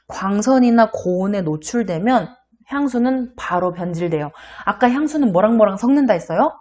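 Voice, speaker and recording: A woman's voice: medium pitch, a little mellow. A middle-aged woman lecturer giving a recorded online class, chatty and addressing her students directly with questions. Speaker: university lecturer.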